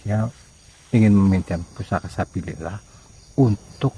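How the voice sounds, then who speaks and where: A man acting as a spirit medium, hesitantly relaying messages in a low murmur. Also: a little slow, mellow, breathy edge, rough recording. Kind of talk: casual on-camera chat.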